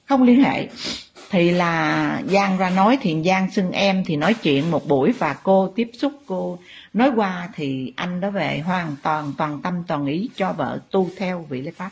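A woman spiritual teacher, telling a story to her followers in a halting way with many fillers. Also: on the low side, creaky, a little mellow, slightly rough.

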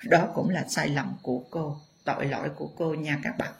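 A woman spiritual teacher tells her viewers stories in a low voice. Her delivery is emphatic and impassioned, and she leans hard on her points. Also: steady tone, normal speed, vocal fry, a little hiss or hum. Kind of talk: dramatic storytelling to viewers.

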